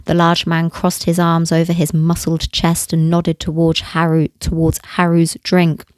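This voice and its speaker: Low-voiced woman reading a novel. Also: monotone, measured pace, clean tone, no room sound. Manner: stops to correct herself mid-read. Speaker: audiobook reader.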